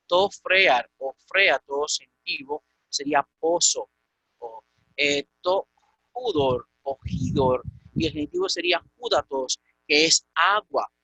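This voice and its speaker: A man teaching a Greek grammar lecture, patiently repeating and slowly spelling out word forms. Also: fairly high pitch, big pitch swings, creaky, pushed and bright, breathy edge, dry recording, muffled recording.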